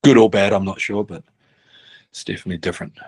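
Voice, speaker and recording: He's a middle-aged basketball coach from New Zealand, speaking casually in an interview with lots of rambling, frequent restarts and tag questions ending in "right?". The voice is on the low side and husky, fairly even in intonation, quick, and free of echo.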